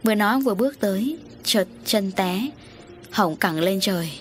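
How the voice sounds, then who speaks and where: A woman narrating a village ghost story in a steady, dramatic reading. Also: mid-range voice, moderate pace, slight background noise. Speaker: audiobook narrator.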